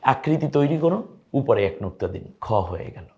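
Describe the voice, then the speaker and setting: A man's voice: medium pitch, sing-song, moderate pace, darkish tone. Man teaching Arabic letters on a dull recording. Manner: coaxing, repeats letter names for viewers to echo. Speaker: Quran teacher.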